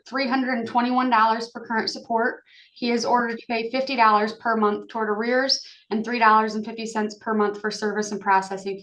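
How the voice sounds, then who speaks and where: Woman, higher pitch, flat procedural manner, formal court report, case officer. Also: low-quality recording. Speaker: child support case officer testifying in court.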